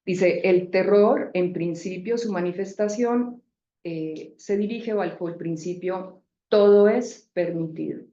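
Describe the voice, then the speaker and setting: A woman speaker answering a question in an academic seminar, measured and explanatory. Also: on the low side, dark tone. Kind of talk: academic reply in a debate. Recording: echoey room, dull sound.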